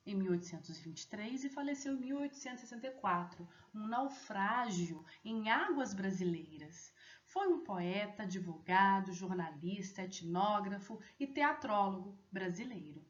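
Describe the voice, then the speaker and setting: A woman teacher explaining a lesson deliberately, often checking in with students. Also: mid-range voice. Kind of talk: recorded online lesson. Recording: echoey, dull lo-fi room audio.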